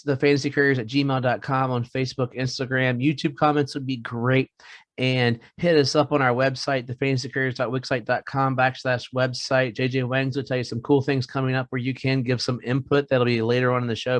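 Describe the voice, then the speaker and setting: A middle-aged man co-hosts a fantasy football podcast, rambling through casual sports chat and making jokes at his own expense. His voice is medium-pitched and level, his pace brisk, and the recording is dry.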